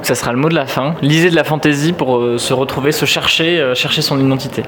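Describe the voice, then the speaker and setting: A man's voice: mid-range voice, fairly even intonation, fast, fairly bright tone. A man interviewing an author, asking long, casual questions with frequent hesitations. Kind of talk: conversational interview. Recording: clear background noise.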